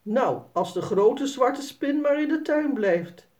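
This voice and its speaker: A woman's voice: high voice, expressive, takes it slowly, far from the mic, voice pushed up. A woman doing a caring, playful mom. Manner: gently bossy, teasing. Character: caring, playful mother of a young girl.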